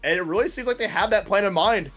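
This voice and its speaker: A man commentating a fighting game tournament, rambling with fillers and yelling at big plays. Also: high-pitched, fast talker, faint music behind. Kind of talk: esports commentary.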